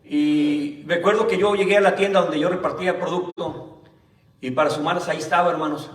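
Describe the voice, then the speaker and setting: High-voiced pastor in an echoey church. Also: male voice, steady tone. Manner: keeps calling the listeners "brother" in almost every phrase; reads scripture aloud slowly and deliberately. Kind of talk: Sunday sermon. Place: church hall. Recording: roomy church hall, mic at a distance.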